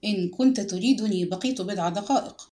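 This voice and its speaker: A woman reading an audiobook and voicing a gentle, weary male chief police inspector who speaks quietly and carefully, in a lower, softer voice than her own. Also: quick pace, lightly acted. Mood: grave, gentle.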